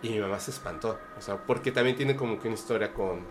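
A man's voice: on the low side, fast talker, noisy background. A man with a Mexican Spanish accent telling a personal story on a podcast, earnest and hesitant with many fillers and restarts. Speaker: podcast guest. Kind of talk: casual storytelling.

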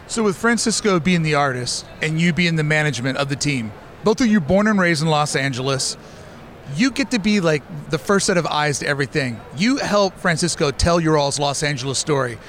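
A man's voice: fairly high pitch, lively intonation, brisk, fairly bright tone, a little hiss or hum. A man hosting an interview at a trade show booth, friendly and talkative. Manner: friendly, talkative, scripted intros. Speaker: podcast host interviewing artists. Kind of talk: casual convention interview.

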